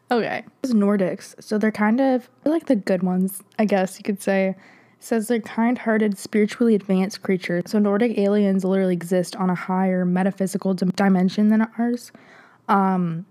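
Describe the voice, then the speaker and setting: A woman's voice: mid-range voice, mellow. A young woman hosting a solo podcast, chatting casually with lots of "like" and giggles, her voice slightly nasal. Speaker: podcast host.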